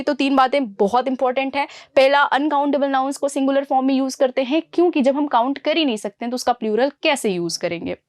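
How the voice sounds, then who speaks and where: A woman's voice: sits high, no room sound, studio quality. A young woman teaching an exam-prep grammar lesson, calling her students "beta" and asking questions she then answers herself. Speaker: English teacher.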